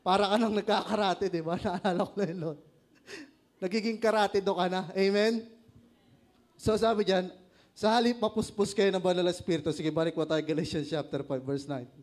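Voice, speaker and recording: A man's voice: high-pitched, steady tone, normal speed, a little mellow. A man with a Filipino accent preaching a sermon, joking, laughing at his own stories and asking the congregation questions.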